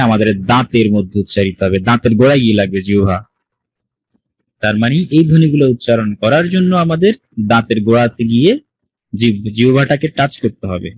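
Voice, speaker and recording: A man's voice: medium pitch, no echo, poor audio. Man teaching pronunciation in an online class. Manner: patient, explains step by step with questions to the class. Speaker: Sanskrit teacher. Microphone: computer mic on a video call.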